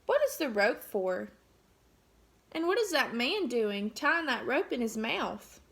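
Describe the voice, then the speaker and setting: A woman teacher reads a picture book aloud in a fairly high, warm, child-directed voice. She stops often to ask the children questions about the pictures. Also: very animated, slow.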